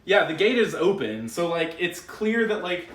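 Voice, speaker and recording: Casual game master in an echoey room. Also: male voice, high-pitched, sing-song, moderate pace, a bit bright. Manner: rambling, filler-heavy casual narration. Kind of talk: narrating a tabletop game. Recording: echoey room with faint noise.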